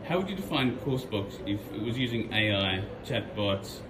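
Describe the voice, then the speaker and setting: Australian man in his twenties, low voice, roomy hall, clear background noise. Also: animated, normal speed. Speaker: visitor questioning a robot. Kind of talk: casual questions. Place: museum hall. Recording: echoey museum hall with crowd noise.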